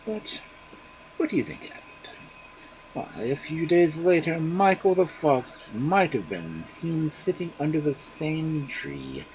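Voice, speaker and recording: A man reading fairy tales aloud on a livestream in an expressive, dramatic storytelling manner. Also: fairly high pitch, takes it slowly, slight background noise, poor audio.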